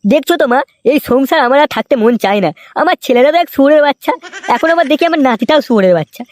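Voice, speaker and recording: A woman's voice: high voice, lively intonation, rapid-fire, a little mellow. A woman voicing a cranky old grandfather in a cartoon who pleads with a goddess and snaps coarse insults at his grandson. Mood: lamenting. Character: cranky old grandfather, grumbling and foul-mouthed. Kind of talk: cartoon voice acting.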